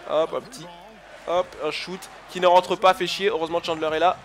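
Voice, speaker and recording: Over a basketball video game, a man with a high voice gives live let's-play commentary at a slightly fast pace, with some background noise. He is excitable, coaching his teammates aloud and swinging between cheering them on and cursing himself when plays go wrong.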